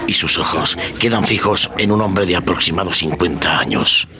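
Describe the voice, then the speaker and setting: A man narrating a scripted radio adventure serial in a solemn, theatrical, deliberate way. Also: low-pitched, crowd noise, lightly acted. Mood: dramatic. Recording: loud dramatic music behind the voice.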